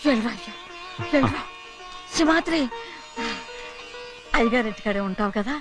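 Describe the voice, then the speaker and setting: A woman's voice: on the high side, lively intonation, moderate pace, music in the background, close to an everyday voice. An actress playing a grieving older village mother who pleads with her son in rustic, affectionate film dialogue. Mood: pleading.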